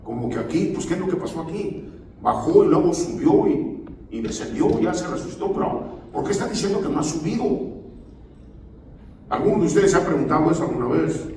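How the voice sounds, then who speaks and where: A man's voice: on the high side, lively intonation, brisk, a little mellow, a little hiss or hum. Male pastor preaching in an echoey church. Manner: call-and-response preaching, often asking the congregation for amens. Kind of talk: sermon. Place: church hall. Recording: echoey hall, voice far from the mic.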